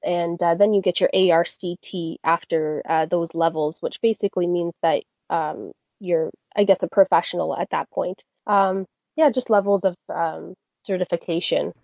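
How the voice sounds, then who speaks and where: Her voice is fairly low, dark, and creaky, with fairly even intonation at normal speed. As a guest singer from Canada, the young woman responds warmly to interview questions, full of fillers and restarts. The audio is lo-fi with no echo.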